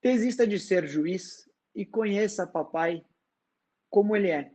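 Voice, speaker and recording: Uma mulher sábia e serena, lida por um homem. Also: male voice, sits high. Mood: gentle, firm. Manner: soft, slow and firm. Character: calm wise woman, gentle and insistent. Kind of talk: dramatized book reading.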